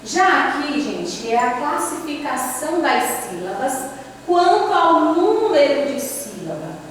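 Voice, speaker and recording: A woman's voice: high voice, big pitch swings, takes it slowly. A woman teacher with a Brazilian Portuguese accent, explaining a grammar lesson and counting out examples one by one. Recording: echoey hall, voice from far off, faint hum.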